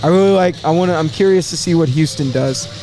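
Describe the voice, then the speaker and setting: Higher-pitched man hosting live sports commentary. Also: mellow, faint music behind. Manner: halting, thinking aloud, repeats words. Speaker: draft show host.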